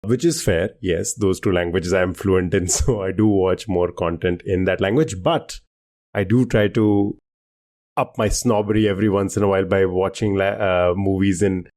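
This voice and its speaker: A man whose first language is Hindi co-hosts a podcast, chatting casually and enthusiastically with many fillers and restarts. His low voice is steady, slightly mellow, and paced moderately.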